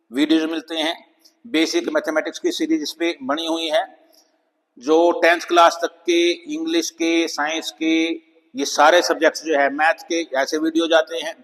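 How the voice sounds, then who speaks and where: A man teaching English pronunciation, patiently explaining and repeating example words slowly, dropping his voice on each model word. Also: a little high, in a large hall, poor audio. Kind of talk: explanatory lesson.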